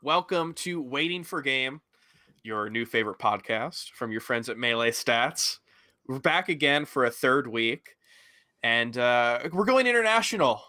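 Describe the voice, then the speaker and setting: A man's voice: medium pitch, animated, a little slow, sharp tone, dry recording, clean studio sound. A man hosting a casual podcast, joking and laughing often as he talks with friends. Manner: jokey, laughs often, playful bits. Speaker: podcast host.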